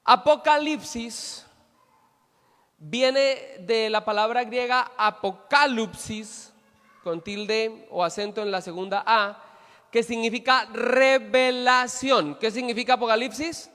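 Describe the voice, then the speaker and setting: High-voiced pastor preaching in a reverberant hall. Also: male voice, a little slow, a bit bright. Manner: asks the congregation questions and answers them; emphatic repetition. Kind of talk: sermon.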